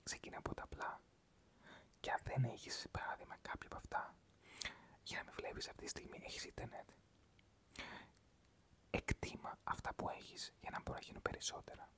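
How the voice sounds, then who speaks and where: An ASMR creator whispering a rambling, gentle chat to viewers, mixing calming affirmations with everyday stories. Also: pauses often.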